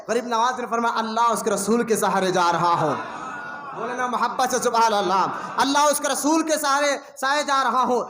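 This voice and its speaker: High, bright-voiced impassioned preacher, echoey. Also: male voice. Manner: impassioned, rising to shouted emphasis, calls for responses. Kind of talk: sermon storytelling. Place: religious gathering hall.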